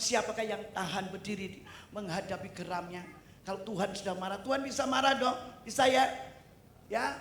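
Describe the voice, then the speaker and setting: A middle-aged woman from East Java, a pastor preaching a sermon in an animated way, with loud exclamations and humorous asides. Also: mid-range voice. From East Java, Indonesia. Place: church service hall. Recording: echoey hall with faint noise.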